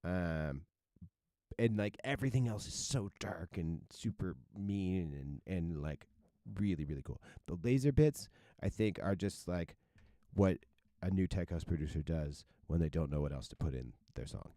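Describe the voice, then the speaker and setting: Deep-voiced man giving casual music feedback. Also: lively intonation, normal speed, warm tone, no echo, clean studio sound. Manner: loose and chatty, swears, stumbles over words. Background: faint electronic music playing.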